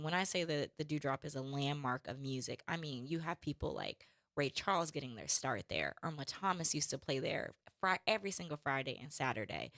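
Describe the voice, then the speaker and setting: A woman's voice: low voice, fairly bright tone, no echo, clean studio sound. A woman guest on a radio talk show, talking with enthusiasm about an event she runs. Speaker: guest, brunch show organizer. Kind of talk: casual radio interview.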